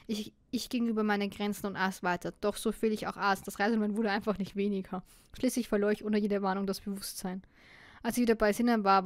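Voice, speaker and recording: A woman's voice: mid-range voice, no room sound, natural voice. A woman reading a young male hacker's self-mocking inner monologue in a game, with a storytelling manner. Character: young male hacker narrating his inner thoughts, wry.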